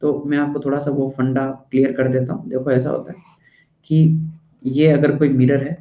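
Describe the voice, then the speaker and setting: A man's voice: mid-range voice, flat delivery, moderate pace. A male teacher lecturing a class in a chatty way, stopping after each point to ask if the students follow, and at times scolding them bluntly. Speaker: math and physics teacher. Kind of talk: classroom lecture in Hindi-English mix. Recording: echoey room, dull lo-fi sound.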